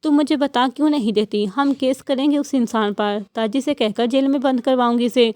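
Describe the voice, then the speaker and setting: A woman's voice: high-pitched, a little mellow, no room sound, lightly acted. A woman voicing a firm, caring young female university student. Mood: insistent. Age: young adult. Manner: firm, affectionate, insistent.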